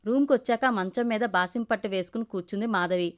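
A woman's voice: mid-range voice, fairly quick. Woman reading a story aloud.

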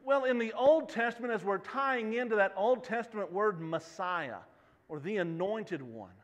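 High-voiced preacher in a reverberant church. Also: male voice, animated, normal speed. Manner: walks the stage, gestures, asks the congregation questions. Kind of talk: sermon. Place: church sanctuary. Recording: long reverb of a church hall.

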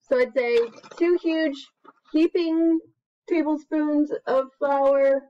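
This children's educator, a woman in her thirties, has a high voice and takes things slowly. Expressive and singsong, she reads aloud with animation and casually demonstrates a craft while prompting young children to join in, all on a slightly dull webcam recording.

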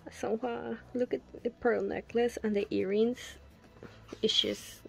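In a slow, steady, slightly high voice, a young woman narrates a casual photobook unboxing. She gushes as she studies each picture, gasping breathily and slipping in soft whispered asides.

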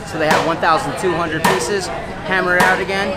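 A woman's voice: on the low side, steady tone, brisk, heavy background noise. Upbeat woman vlogging her travels. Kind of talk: casual travel vlog narration.

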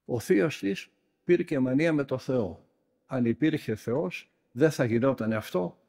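A monk preaching with a dark, mellow voice of middle pitch. He tells stories in a lively way and drives his points home with emphatic, scolding remarks. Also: vocal fry, breathy edge. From Greece. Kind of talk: sermon.

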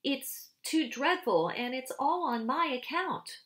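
A woman's voice: high-pitched, expressive, slow pace, fairly bright tone, voice pushed up, full character voice. A woman voicing an anxious, tender-hearted young girl in a storybook, pleading in a raised voice. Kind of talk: storybook read-aloud.

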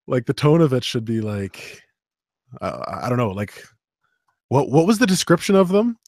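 A man's voice: medium pitch, normal speed, no echo. Chatty guy hosting, voice bounces around a lot, dry close mic. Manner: animated, laughing, chatty with fillers. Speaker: host and audiobook narrator. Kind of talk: casual live-show chat.

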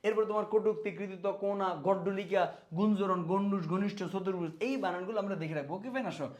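A man's voice: high voice, fast talker, darkish tone. A man teaching an exam spelling lesson, speaking to students as friends and repeating words so they stick. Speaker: exam prep tutor.

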